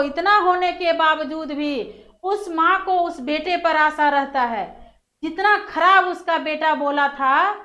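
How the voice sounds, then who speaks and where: Woman teacher, very high voice, slow unhurried delivery, repeats and rephrases every line. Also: fairly bright tone. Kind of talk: explaining a story lesson.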